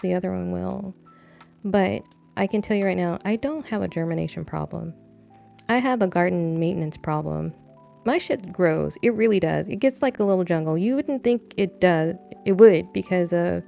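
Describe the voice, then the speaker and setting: Young woman, gravelly voice, mellow tone, rambling casual chat, dull lo-fi stream mic, soft music behind. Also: mid-range voice. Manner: rambling, self-deprecating, chatty. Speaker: streamer gardening on her balcony. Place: home balcony. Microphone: desk mic, braids brushing it. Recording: dull lo-fi sound with faint music.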